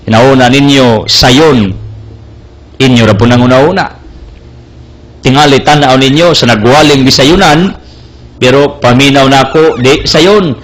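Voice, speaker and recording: Earnest young preacher, slow. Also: male voice, mid-range voice. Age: young adult. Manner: earnest, emphatic, mixing English into his preaching. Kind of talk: sermon.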